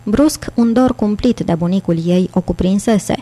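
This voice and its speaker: Mellow woman reading an audiobook. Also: mid-range voice. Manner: steady, measured reading. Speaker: audiobook narrator. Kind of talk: scripted narration.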